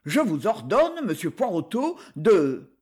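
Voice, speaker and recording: A proud, hot-tempered chevalier barks orders in a lively, animated voice, as a male reader puts him on. His manner is commanding and menacing, a swashbuckling hero of an old storybook adventure. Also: high voice, slow, slightly rough, full character voice.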